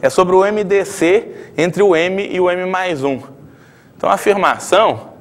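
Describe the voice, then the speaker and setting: A man's voice: sits high, normal speed. Brazilian man lecturing on math. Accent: Brazilian Portuguese. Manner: explanatory, frequent tag questions, thinking aloud at the board. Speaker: math professor.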